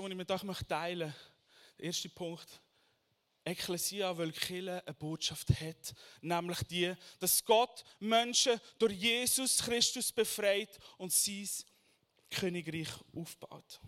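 A man, preaching a sermon that moves between quiet reflection and loud, emphatic questions. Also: sits high. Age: 30s. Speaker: pastor.

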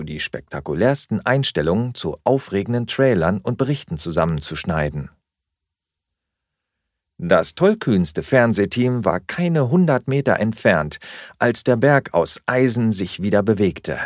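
A man narrating an audiobook in an expressive way, close to the mic. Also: on the low side, dry recording. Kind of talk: scripted narration.

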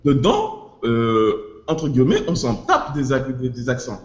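A man's voice: mid-range voice, wildly swooping pitch, a little slow. A man co-hosting a casual podcast panel, explaining at length, restarting phrases and dropping in English expressions. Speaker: podcast co-host. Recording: muffled, roomy podcast recording.

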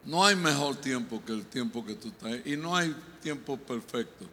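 A man preaching a humorous sermon, joking and animated, building up to loud exhortation. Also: mid-range voice, normal speed, a little hiss or hum. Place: church sanctuary. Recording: long hall reverb.

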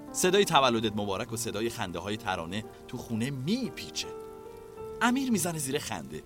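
A man reading a scripted story as narrator in an expressive way. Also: mid-range voice.

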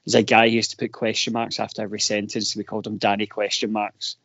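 A man's voice: on the low side, completely flat delivery, quick pace, a bit bright, no echo. A man on a football fan podcast, telling rambling, self-mocking stories in casual chat. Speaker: podcast panelist. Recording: dry, dull lo-fi podcast audio.

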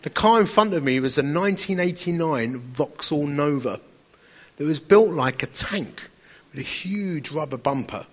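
With a fairly high, animated voice at a moderate pace, a man from Essex, England, preaches to an audience in his Essex accent. He builds his sermon from personal anecdotes, told in a chatty, wry, self-deprecating way.

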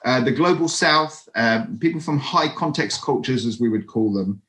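A man giving a lively, conversational sermon over an online video call, with friendly asides to his listeners. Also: mid-range voice, moderate pace, a little hiss or hum. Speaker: preacher.

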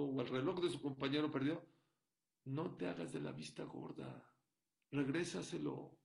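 A man giving a sermon, telling a story and swinging from hushed to loud as he makes his point. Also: a little high, gravelly. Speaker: rabbi.

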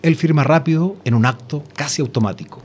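A man's voice: fairly high pitch, brisk, a little mellow, slight background noise. A man reading a scripted journalistic story as narrator. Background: music.

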